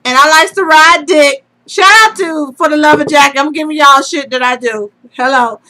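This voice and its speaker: Brash, tipsy high-voiced woman. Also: moderate pace, low-quality recording. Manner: loud, brash, laughing, drunk and giddy. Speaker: podcast co-host. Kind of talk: raunchy casual chat.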